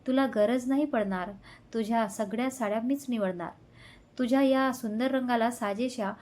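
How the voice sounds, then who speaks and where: A woman's voice: a little high, moderate pace, darkish tone, close to an everyday voice. A woman reading a hot-headed young lover. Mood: teasing. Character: young man, passionate, quick-tempered lover.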